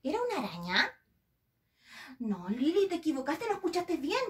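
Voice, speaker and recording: A woman's voice: high voice, wildly swooping pitch, distant mic. Sing-song woman teaching phonics. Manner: sing-song, drawn-out sounding of letters. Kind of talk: children's phonics lesson.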